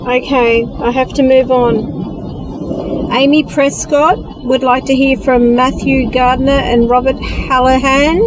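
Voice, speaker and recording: A woman hosting a spirit session, talking to ghosts in a gently coaxing, polite way, calling out questions and pausing for answers. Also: high-pitched, flat delivery, background noise. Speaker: host of a spirit box session, medium.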